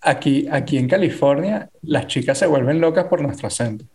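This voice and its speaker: A man with a Venezuelan Spanish accent, co-hosting a podcast in relaxed, casual chat. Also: on the high side, moderate pace. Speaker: podcast co-host.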